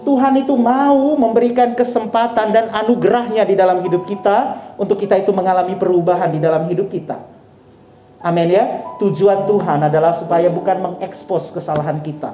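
A woman's voice: medium pitch, fairly even intonation, a little fast, dark tone. A woman pastor preaching a sermon, exhorting her listeners, repeating phrases and often saying "Amin". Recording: roomy hall sound with faint instrument music.

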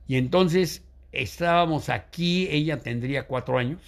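An older man with a Mexican Spanish accent, telling family stories as an interview guest, animated, acting out what others said. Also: fairly high pitch, moderate pace, creaky. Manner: animated, acts out quoted voices. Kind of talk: storytelling in a casual interview.

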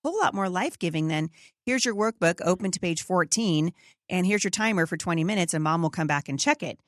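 This middle-aged American woman, a homeschool mom, hosts a casual podcast interview in an informal, emphatic style and keeps checking in with the listener. Her fairly low voice is expressive and fast. The recording is studio quality with no echo.

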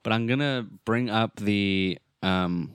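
A man's voice: on the low side, takes it slowly, a bit bright, clear, resonant tone, no room sound, clean studio sound. A man co-hosting a horror movie podcast, chatting casually and joking, with frequent swearing. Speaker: podcast co-host. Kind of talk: casual chat.

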